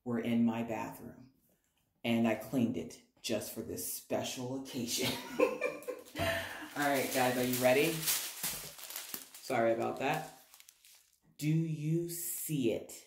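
A woman vlogger doing a chatty, excitable unboxing, recorded by phone in a small bathroom with the door closed, so her voice echoes. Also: very deep voice, slow pace, long pauses. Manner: excitable, self-deprecating chatter. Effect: echoey bathroom sound. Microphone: phone camera. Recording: echoey bathroom, faint background noise.

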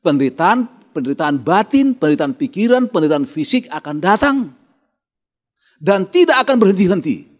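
A man's voice: high voice, very animated, moderate pace. A man with an Indonesian accent preaching a morning devotional sermon in church. He reads scripture and then quizzes the congregation with questions he answers himself. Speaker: pastor.

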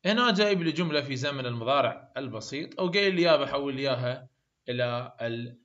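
A man's voice: mid-range voice, lively intonation, fast talker, a bit bright, muffled recording. A man with an Iraqi Arabic accent teaching an English exam lesson, asking questions and answering them himself. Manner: explains by asking and answering his own questions.

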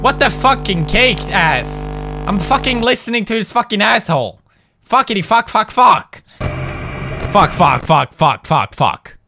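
A young man with a somewhat high, gravelly voice runs a loud, profane let's-play. He jokes, swears and yells at the screen. Game music plays beneath his voice. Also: big pitch swings, a little slow. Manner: profane, goofy, bursts into shouting. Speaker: gaming commentator.

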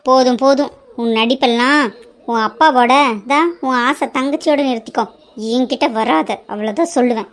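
A woman's voice: high voice, fairly quick, close to an everyday voice. A woman voicing a harsh, scheming middle-aged stepmother who scolds and threatens in a cartoon. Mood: dismissive. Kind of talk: cartoon voice acting.

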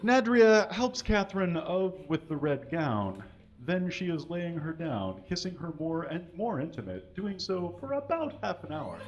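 A man with a slightly high voice reads fan fiction aloud at a live comedy show, speaking at a measured pace with big swings in pitch. He stands at a microphone on a stand on a small curtained indoor stage before an audience, delivering it mock-earnest and exaggerated, spelling out mistakes and punctuation as he goes. The recording has its highs cut off and a faint hiss or hum.

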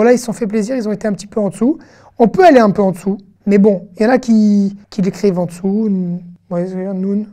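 Female teacher, mellow tone, patient explainer who stretches syllables to model pronunciation, chatty with small restarts. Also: medium pitch. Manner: frequent fillers and restarts, friendly conversational asides. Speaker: Hebrew teacher. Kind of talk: online language lesson.

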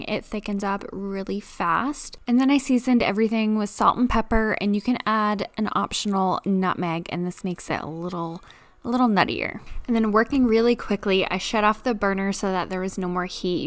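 A young adult woman chatting casually through a cook-along voice-over, relaxed and full of little fillers and asides. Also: mid-range voice, no echo. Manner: chatty, relaxed, filler-heavy, self-deprecating. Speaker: cooking vlogger.

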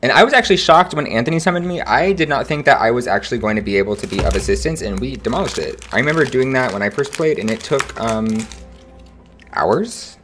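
A young man streaming a game, chatting casually with viewers in an animated, slangy way. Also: medium pitch, fast talker, faint music behind. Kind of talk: casual livestream chat.

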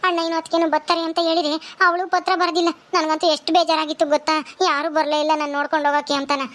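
A woman's voice: extremely high pitch, fairly bright tone. A woman voicing a tearful, emotional young village mother. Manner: tearful, pleading, heartfelt.

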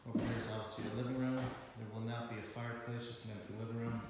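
A man's voice: medium pitch, level tone, fast talker, distant mic. A man giving a casual, matter-of-fact tour of an unfinished house, pointing out each room as he walks through. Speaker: house walkthrough guide. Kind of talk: casual property tour narration. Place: unfinished house under renovation, indoors. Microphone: handheld phone camera. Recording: echoey empty rooms, noisy, mic held away.

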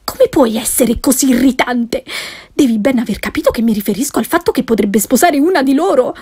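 An excitable, fussy middle-aged mother from an audiobook, as a woman puts her on, her voice pitched well up and bright with eagerness as she exclaims and pleads. The tone underneath stays soft and mellow. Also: brisk, husky. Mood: exasperated. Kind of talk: audiobook character reading.

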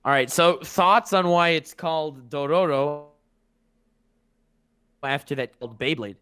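A man with a fairly high voice hosts a casual podcast. He teases his guests with dry, sarcastic jabs. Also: measured pace, a bit bright. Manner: teasing, sarcastic. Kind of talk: casual chat.

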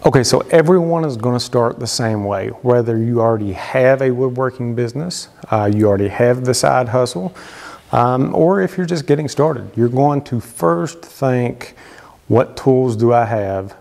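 Gesturing as he talks and leaning on frequent fillers, a woodworking host in his thirties offers casual instruction straight to camera. His mid-range voice, slightly mellow with vocal fry, runs at normal speed, recorded in a wood-paneled home workshop with long reverb.

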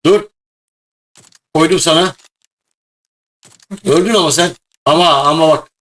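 A man plays through a mobile shooter match and talks the whole way, loud and easily excited, often breaking into shouts. His voice sits slightly higher than most men's. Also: unhurried. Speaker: gaming video host. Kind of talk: excited mobile-game play chat.

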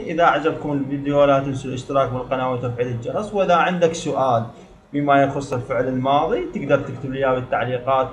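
A man's voice: medium pitch, roomy sound. A man with an Iraqi Arabic accent teaching a grammar lesson, explaining step by step and repeating words for emphasis.

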